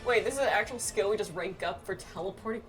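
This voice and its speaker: Talking at a quick pace in a mid-range voice, a woman gamer comments casually on her playthrough and reads the dialogue out loud. The distant microphone sits under clear background music.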